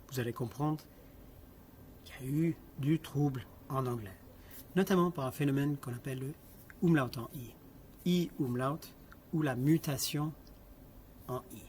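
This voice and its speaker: A man's voice: medium pitch, a little hiss or hum. A man lecturing on linguistics, explaining step by step, asking the class questions and repeating example words.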